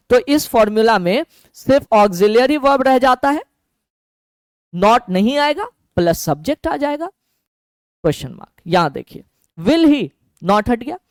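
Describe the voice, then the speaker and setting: A man with a Bihari Hindi accent teaching English grammar in an online lesson, drilling each form slowly and over again. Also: very high-pitched, no echo. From Bihar, India. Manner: slow, repetitive drilling with lively rising and falling intonation.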